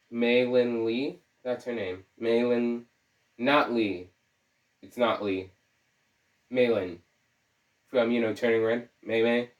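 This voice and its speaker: Sounding roomy and distant from the mic, with dull audio, a young man with a mid-range voice and a sore throat gives scattered video essay commentary. He jokes around, rambles, and keeps interrupting himself.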